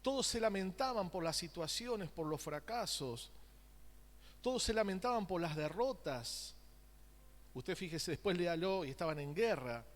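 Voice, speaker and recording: High-voiced preaching pastor in a reverberant hall. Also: male voice, expressive, moderate pace. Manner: preaching with call-and-response questions to the congregation; joking, conversational asides. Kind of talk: sermon. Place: church sanctuary.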